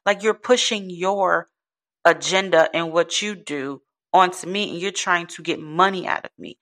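A woman's voice: medium pitch, fairly bright tone. A young adult woman venting in a casual monologue, blunt and frustrated, swearing freely. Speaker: vlogger.

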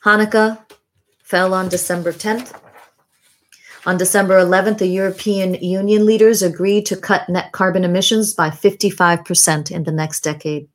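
Measured, lower-pitched woman podcast host. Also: fairly even intonation. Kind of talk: scripted narration, year-in-review monologue.

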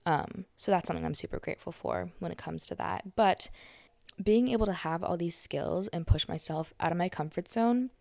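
A young woman in her late teens or twenties with a low voice and a gravelly, fry-laden edge. She hosts a podcast in a loose, chatty monologue, correcting herself as she goes. The sound is dry and close. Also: normal speed, a little mellow, no room sound. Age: young adult. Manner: chatty, filler-heavy, self-correcting. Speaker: podcast host. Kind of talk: casual monologue.

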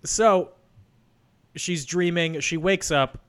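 Bright-voiced man recapping casually. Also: on the high side, takes it slowly, clear, resonant tone. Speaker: podcast co-host. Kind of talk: casual movie recap chat.

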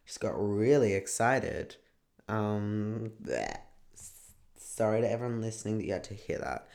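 A man's voice: on the low side, very animated, measured pace, creaky, darkish tone. A man hosting his own podcast, talking casually and bluntly in a motivational pep talk and swearing freely. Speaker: podcast host. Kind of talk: casual solo podcast monologue.

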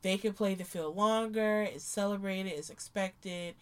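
A woman's voice: medium pitch, measured pace, clear, resonant tone. A woman in her late twenties co-hosting a podcast, talking things through candidly and thoughtfully in casual chat. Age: 20s. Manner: thoughtful, many fillers and restarts, candid. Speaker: podcast co-host.

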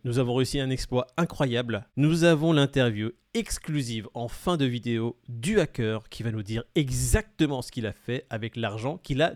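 A man hosting a crypto news show, running through headlines briskly with teasing jokes. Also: medium pitch, no echo, clean studio sound. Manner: brisk, teasing, punchy delivery. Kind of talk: fast news rundown with jokes.

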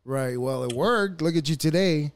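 A man in his thirties from El Salvador, hosting a casual conversation, halting and restarting often and laughing easily. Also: fairly high pitch. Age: 30s.

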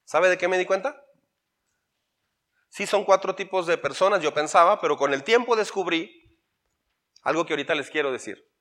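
A man with a Mexican accent, a pastor preaching an animated sermon that swings from loud to soft. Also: sits high, moderate pace, long pauses.

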